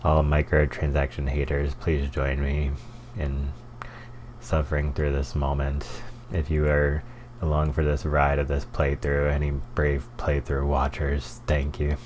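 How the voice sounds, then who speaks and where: A man's voice: extremely low pitch, monotone, a little slow, a little mellow, slight background noise. A man hosting a game playthrough with casual commentary and wry muttered asides. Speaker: gaming playthrough host.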